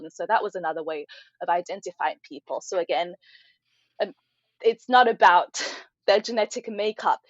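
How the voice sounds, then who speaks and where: A woman's voice: lowish voice, no echo. Earnest Nigerian-born woman, muffled audio. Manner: earnest, explanatory, measured. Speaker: podcast guest. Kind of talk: conversational podcast interview.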